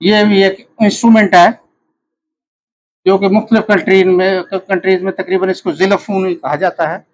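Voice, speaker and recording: A man's voice: high-pitched, level tone, normal speed, low-quality recording. A man whose first language is Urdu, teaching a language lesson and repeating each word over and over. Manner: repeats each word many times, drawn out. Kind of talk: slow spoken language lesson.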